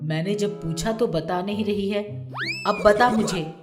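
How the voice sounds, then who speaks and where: A woman voicing a dry, unbothered older mother-in-law who speaks low, weary and teasing, with music under her. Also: measured pace, lightly acted.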